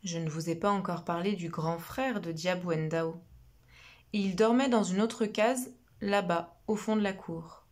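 A woman telling a children's story in an expressive storytelling voice. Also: fairly low pitch, a little slow.

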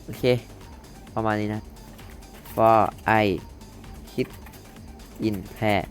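A young man hosts a casual coding lesson, thinking aloud while typing, reading code word by word, and correcting himself as he goes. His low voice is monotone and extremely slow, with soft music playing in the background.

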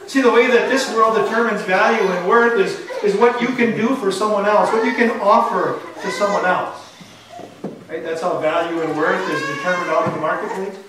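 A male pastor preaches with earnest emphasis, his voice sitting high for a man. The sound is echoey and heard from far back in a church sanctuary, with faint noise behind. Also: moderate pace. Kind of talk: sermon. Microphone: far camera.

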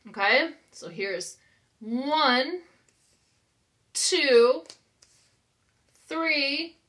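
Here a preschool teacher, an American woman in her thirties, leads an interactive read-aloud for young children with simple, encouraging wording and questions. Her pitch is high and her tone sharp.

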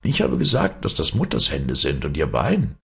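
A man's voice: rumbling low, wildly swooping pitch, normal speed, vocal fry, a bit bright, exaggerated voice. A man reading a storybook, voicing a suspicious, stubborn young male cannibal. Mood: insistent. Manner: insistent.

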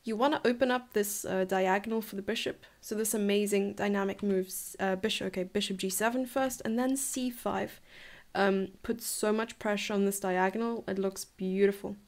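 A South African woman in her twenties coaches a live-streamed chess lesson from a room at home, chatty and enthusiastic, laughing and musing aloud. Her medium-pitched voice is steady and a little mellow, at normal speed.

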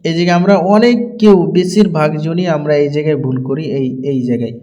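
A man with a Bangladeshi Bengali accent teaching Quran recitation, spelling out letters and vowel marks and repeating words slowly. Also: fairly high pitch, expressive, dark tone, muffled recording. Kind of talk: slow explanatory lesson on pronunciation.

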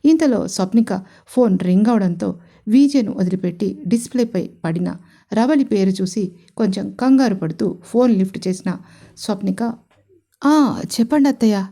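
A woman narrating her own romance audio story in a calm, even storytelling voice. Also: mid-range voice, moderate pace, gravelly. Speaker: writer and narrator.

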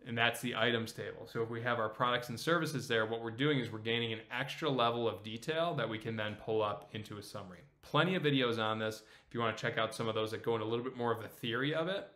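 A man in his thirties leads a screen-share tutorial in a bright, forceful voice at a middle pitch. He talks casually and explains each step, often pausing to ask "okay?". He sounds like a hands-on instructor speaking from a small room. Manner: casual, explanatory, frequent "okay?" check-ins. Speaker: accounting instructor.

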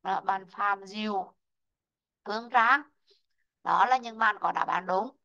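A woman teaching an online English lesson, slowly modelling word stress and calling out students who answered right. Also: mid-range voice, gravelly, sharp tone, dull audio. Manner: slow, drawn-out model pronunciations of English words; calls out student names and marks answers right.

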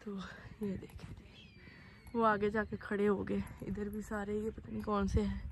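A woman's voice: medium pitch, completely flat delivery, unhurried, vocal fry. Woman walking fields w phone, chatty, bit winded, faint outdoor hiss. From Pakistan. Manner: chatty, explaining to the camera while walking. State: slightly out of breath and coughing. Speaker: vlogger. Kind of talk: casual walking vlog narration. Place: outdoors in open farm fields. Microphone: phone camera held while walking.

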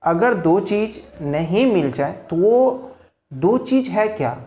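A man's voice: high-pitched, animated, slow, darkish tone. A man teaching a spoken language lesson at home, asking rhetorical questions and repeating his key points. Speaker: English teacher. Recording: roomy echo, faint ambient noise.

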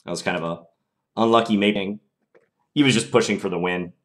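With a gentle Minnesota accent, a young streamer narrates his chess thinking while playing live in a small room at home. His lowish voice is steady in tone and a little fast.

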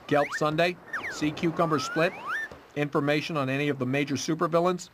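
A man's voice: a little high, steady tone, brisk, background noise, close to an everyday voice. A man voicing a friendly, gossipy male shopkeeper in a game. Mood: chatty. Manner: friendly, offhand salesman patter.

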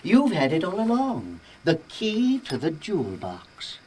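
A man's voice: high voice, wildly swooping pitch, measured pace, heavily acted. A man playing a wise, kindly old cartoon wizard who speaks in a grand, solemn way. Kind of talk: cartoon voice acting. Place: recording studio booth. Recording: distant, noisy studio tape.

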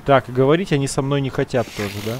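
A let's play gamer with a mid-range voice chats casually over his gameplay, using slang and calling his viewers "guys." He mutters his thoughts and muses at length while playing, with slight background noise present.

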